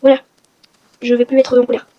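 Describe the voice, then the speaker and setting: A woman's voice: fairly high pitch, completely flat delivery, brisk, dull audio. A woman hosting a casual game walkthrough vlog, chatty and rambling, with self-mocking asides. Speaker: gaming video host. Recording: noisy with clicking sounds.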